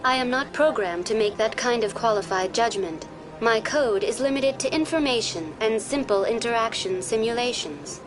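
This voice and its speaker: A woman voicing a too-smooth female AI guide. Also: on the high side, normal speed, close to an everyday voice. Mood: calm informative. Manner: even, courteous, too-smooth synthetic delivery. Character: smooth, polite female virtual-intelligence information program. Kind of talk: video game voice acting. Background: game music.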